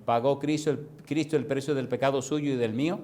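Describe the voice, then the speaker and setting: A male pastor preaching a sermon, firing rapid questions at his congregation and slowing down to stretch key words for emphasis. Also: medium pitch, steady tone, mellow. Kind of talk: preaching sermon with call-and-response. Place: church congregation.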